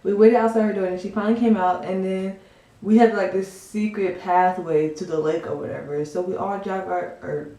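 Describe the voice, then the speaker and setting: A woman's voice: medium pitch, fairly even intonation, normal speed, dark tone. A young woman casually telling a rambling story to the camera, full of fillers. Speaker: storytime vlogger. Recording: echoey room.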